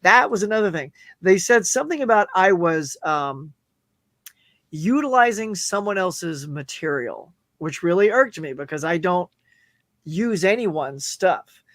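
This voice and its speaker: A middle-aged man with a notably high, strained voice, as if it's failing, guests on a YouTuber's live stream chat. Unhurried, he tells stories with animated energy and acts out what others said. The recording is close and dry, with no echo from the room.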